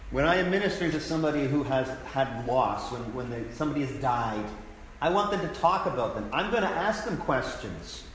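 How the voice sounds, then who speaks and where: A man's voice: medium pitch, expressive, a little fast, a bit bright. A man, a pastor, teaching a sermon in an earnest, conversational way, repeating his key phrases. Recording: echoey hall with faint background noise.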